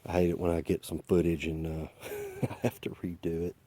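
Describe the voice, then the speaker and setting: Brief: man, deep and mellow, casual and self-deprecating, a bit winded, filmed outdoors on a camera mic. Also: huge pitch swings, moderate pace, breathy edge, no echo. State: out of breath. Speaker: vlogger demonstrating blades.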